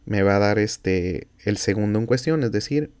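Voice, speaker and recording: A man with a Mexican Spanish accent teaching a software tutorial as a university instructor, explaining each step aloud with fillers and self-corrections. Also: on the low side, animated, normal speed, smooth. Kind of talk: screen-recorded software tutorial.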